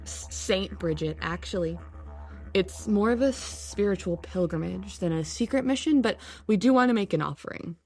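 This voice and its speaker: A woman's voice: medium pitch, expressive, moderate pace, darkish tone. A woman narrating and acting a lead in an audio drama, dry, matter-of-fact and a little exasperated.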